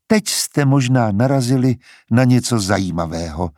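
A man's voice: mid-range voice, expressive, darkish tone, no echo, clean studio sound, close to an everyday voice. A man voicing a mocking woman scientist. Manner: condescending, sly, drawn-out taunts.

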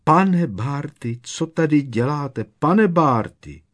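A man's voice: a little high, animated, pitched above the performer's own voice. A man voicing a frantic female house-elf servant who shrieks and pleads. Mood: shrieking despair. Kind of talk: audiobook character voice.

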